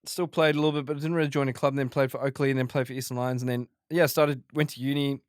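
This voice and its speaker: Quick-paced and mid-range in pitch, a male guest comedian in his forties chats through a laid-back interview, his anecdotes riddled with false starts and fillers. A faint South African note sits beneath his largely Australian accent, and the studio audio is clean and dry.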